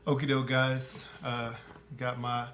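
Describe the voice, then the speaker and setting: A middle-aged man talks the viewer through a barbecue recipe in a loose, friendly way, tripping over fillers and correcting himself as he goes. His voice sits at an ordinary male pitch, with a faint hum of noise behind him. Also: completely flat delivery, takes it slowly, a bit bright. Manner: chatty, full of "uh" fillers and self-corrections. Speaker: host of a barbecue cooking channel. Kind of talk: casual cooking how-to.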